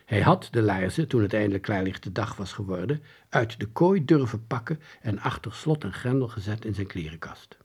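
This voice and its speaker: A man reading a children's book aloud in a lively storytelling manner. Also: moderate pace, slightly rough. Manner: lively storytelling with varied pitch. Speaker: audiobook reader. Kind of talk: scripted narration of a children's book.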